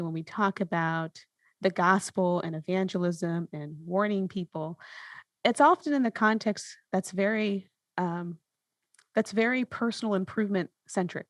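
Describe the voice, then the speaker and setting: A woman with a medium-pitched voice speaks reflectively in a conversational interview, thoughtful and hesitant as she searches for her phrasing and keeps checking in with a rhetorical "right?". There's no room sound.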